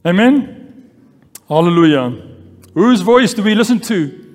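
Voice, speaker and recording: This pastor has a high, expressive voice with a slightly mellow quality, and he speaks at a measured pace. Preaching and reading scripture, he repeats key phrases and asks the congregation "Amen?" The church hall gives the recording a long reverb, with faint music behind him.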